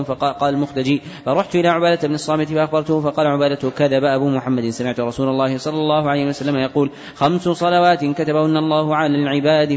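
Very fast male reader reciting hadith. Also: a little high, darkish tone. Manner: brisk, unbroken recitation of narrator chains. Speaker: student reader. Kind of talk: rapid reading of hadith text. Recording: dull recording with long hall reverb.

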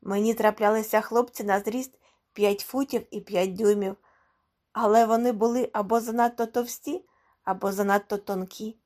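A woman voicing an eager, bossy young man who leads his friends, speaking loud, pushy and excited. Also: mid-range voice, normal speed, lightly acted.

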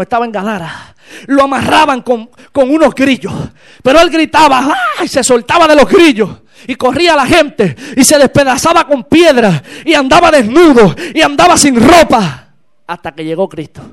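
Male preacher, strikingly high pitch, passionate delivery that rises to shouts. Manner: impassioned, builds to shouted exclamations. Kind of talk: sermon. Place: church.

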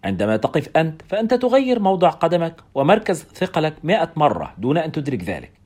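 A man reading a novel aloud, with wry, expressive first-person narration. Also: on the high side, fast talker.

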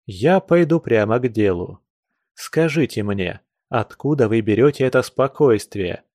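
A man's voice: medium pitch, lively intonation, measured pace, a little mellow, dry recording, clean studio sound. A man reading a classic novel aloud, voicing a passionate, earnest young nobleman with urgent, lecturing speech.

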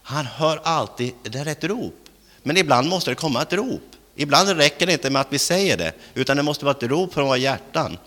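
A man's voice: on the high side, sing-song, a bit bright, big-room sound. A man from Sweden preaching an earnest sermon, often repeating words and restarting phrases as he goes. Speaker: pastor. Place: church.

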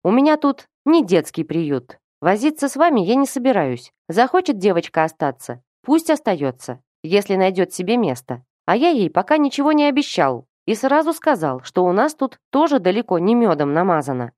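A woman voicing a blunt, unwelcoming old man with a sharp voice. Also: medium pitch, sing-song, moderate pace, hardly any pauses, dry recording, studio quality, close to an everyday voice. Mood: gruff.

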